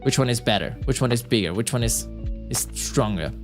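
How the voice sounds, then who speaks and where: A man's voice: medium pitch, lively intonation, brisk. Guy live streaming solo, kinda tired, rambly, chuckles to himself, faint music behind. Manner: rambling, self-talking, frequent restarts and chuckles.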